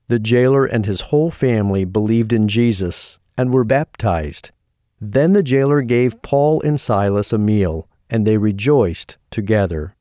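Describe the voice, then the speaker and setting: Calm man narrating a Bible story. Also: on the low side, no room sound, studio quality.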